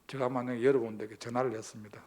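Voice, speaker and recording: A man's voice: medium pitch, fairly even intonation, racing, a little mellow. A male pastor, preaching a sermon emphatically and posing rhetorical questions to the congregation.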